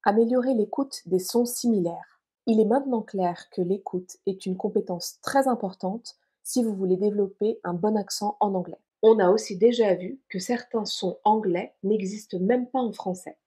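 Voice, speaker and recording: A woman from France presents a scripted podcast lesson in a clear, encouraging way. Her voice is warm and mellow, with a soft breathy edge. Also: medium pitch, moderate pace. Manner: clear, encouraging instruction addressed to listeners. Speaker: language teacher.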